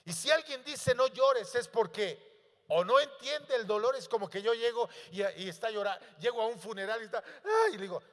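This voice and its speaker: A male pastor preaching a sermon, building to loud emphatic peaks and asking the congregation questions. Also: high-pitched, sing-song, fairly quick. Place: church. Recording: long church hall reverb.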